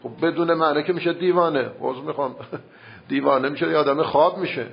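A man's voice: fairly high pitch, gravelly, dull audio. A man teaching a seminary class, patiently explaining and arguing a point with many rhetorical questions. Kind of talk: classroom debate on grammar and logic.

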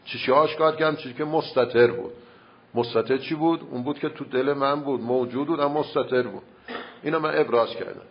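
A man at middle pitch teaching a seminary class, arguing his point with rhetorical questions and patient explanation. The recording sounds dull and lo-fi. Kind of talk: classroom debate on grammar and logic.

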